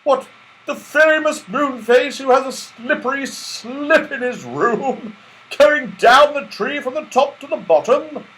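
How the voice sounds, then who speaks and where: Storybook Santa: big, jolly, delighted, high and loud, hugely animated. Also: male voice, slow, exaggerated voice, low-quality recording. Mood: excited delight. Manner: exclamatory, hearty.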